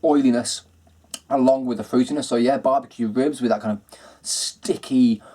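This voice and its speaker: Man, mid-pitched, easygoing whisky vlogger, chatty and unhurried. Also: breathy edge. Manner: relaxed and chatty, many ums and kinds of. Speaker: whisky reviewer, host. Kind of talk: casual video review.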